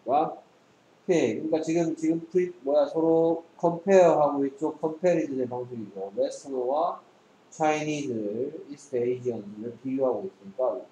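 A man's voice: medium pitch, normal speed, dark tone, reverberant, slight background noise, poor audio. A man tutoring English one-on-one, quizzing his student and joking bluntly, in a casual lesson. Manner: teasing, quizzing, blunt slang.

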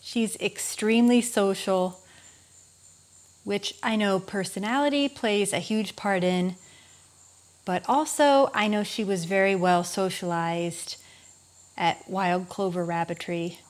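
A woman in her thirties, a rabbit breeder, gently and enthusiastically explaining her new pet to the camera on a lapel mic. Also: mid-range voice, takes it slowly. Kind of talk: casual explanatory vlog. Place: indoors in front of wooden wall backdrop. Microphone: clip-on lapel mic.

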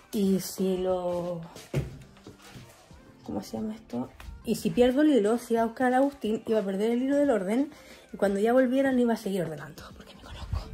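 A woman's voice: medium pitch, dark tone. A young woman with a Chilean accent, chatting casually in a vlog and telling rambling, slang-filled stories while cleaning at home. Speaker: vlogger.

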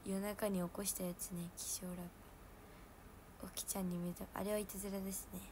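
A young woman with a Hiroshima dialect, hosting a casual livestream and chatting with viewers from home. She laughs at herself and gets loud when she acts out what people said. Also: medium pitch, little pitch movement, a little fast, background noise. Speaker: idol livestream host.

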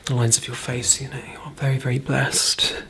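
Woman in fast, whispered ASMR role-play. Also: very deep voice, level tone. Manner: fast, breathy ASMR whispering and soft murmuring. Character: brisk, chatty backstage makeup artist. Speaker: ASMR performer. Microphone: close microphone.

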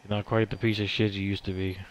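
A man chats casually while he plays a shooter match, teasing and cursing at the other players. His voice is lowish and stays flat in pitch. Faint noise sits in the background. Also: quick pace. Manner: trash-talking, profane, teasing. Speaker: gamer streaming a match. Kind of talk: casual gameplay chat.

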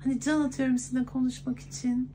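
Man doing a high-pitched coy woman's voice. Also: flat delivery, quick pace, mellow, a little hiss or hum. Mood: flirty, sweet. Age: 20s. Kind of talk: prank phone call. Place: clothing shop, indoors.

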